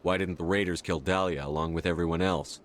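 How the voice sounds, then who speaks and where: An actor playing a heroic military commander in a video game, earnest, steady and plain-spoken. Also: male voice, low-pitched, fairly quick, a little hiss or hum, lightly acted. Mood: resolute. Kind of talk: video game dialogue acting.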